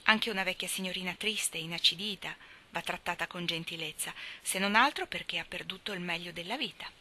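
A woman reading a classic novel aloud in a measured, expressive way. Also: lowish voice. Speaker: audiobook reader.

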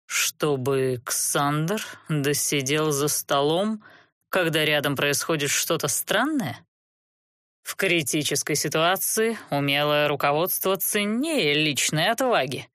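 Woman putting on a pompous deep-voiced sorcerer. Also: lively intonation, slow pace, a bit bright, no echo, studio quality, heavily acted. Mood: lofty. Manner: lofty, preachy. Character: pompous middle-aged male sorcerer.

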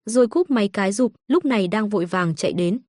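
A woman's voice: medium pitch, animated, fast talker, a little mellow, no room sound. Woman narrating a comic story, dry sound.

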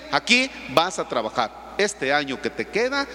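A man's voice: on the high side, huge pitch swings, unhurried, sharp tone, pitched below the performer's own voice, full character voice. A man, a priest, acting out a stern father scolding his lazy son, in an echoing church. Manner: scolding, firm.

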